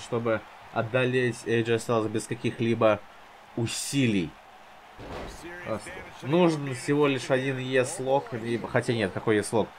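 A man commentating his own gameplay like a casual wrestling commentator, teasing and goading the wrestlers as he goes. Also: medium pitch.

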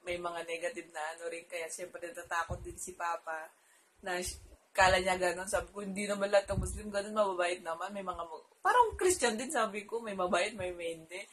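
A woman's voice: fairly low pitch, a little fast, a little hiss or hum, poor audio. A Filipino woman vlogger telling a personal story to her viewers in a casual, chatty way, laughing often and trailing her phrases with fillers.

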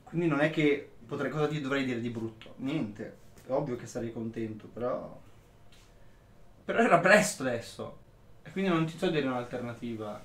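A young man in a casual chat with his partner, agitated and rambling, his pitch jumping up when flustered. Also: lively intonation, moderate pace, fairly bright tone. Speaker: boyfriend pranked by partner. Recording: echoey room, faint noise.

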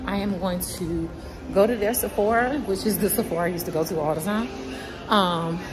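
A woman's voice: medium pitch, a little fast, music in the background. A young woman chatting casually to her viewers in a vlog from a store, using informal slang. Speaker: vlogger. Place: store and mall, indoors.

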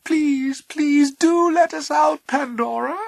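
A man voicing a small purring creature shut in a chest, coaxing and drawn-out. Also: very high-pitched, gravelly, no echo, voice pushed up, heavily acted. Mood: pleading.

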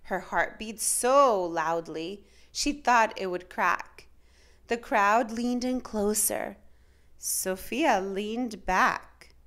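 A children's storytime reader, a woman with a mid-range voice, reads a picture book aloud. Her delivery is dramatic, measured, and expressive.

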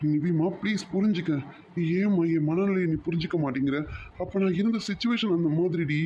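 A man's voice: high-pitched, a little fast, a little mellow, muffled recording, slight background noise, lightly acted. A man voicing a remorseful young man in a cartoon drama, pleading and apologetic.

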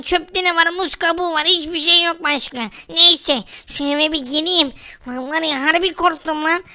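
A man's voice: very high voice, sharp tone, full character voice. A man voicing a jumpy, easily scared male villager who exclaims and panics in a game roleplay.

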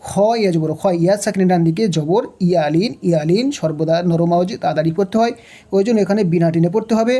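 A woman teaching tajweed, slowly spelling out letters and vowel marks, asking the learner questions and drilling each rule with patient repetition. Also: on the low side, dark tone. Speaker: Quran recitation teacher. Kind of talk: tajweed lesson, spelling out and reciting verses. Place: home recording, unseen.

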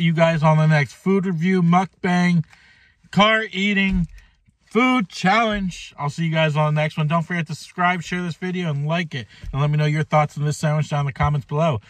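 A food vlogger in his thirties chats casually to camera while eating for a mukbang vlog, filmed inside a car on a phone or camera held at arm's length. His voice is fairly high and fairly bright, with no room sound.

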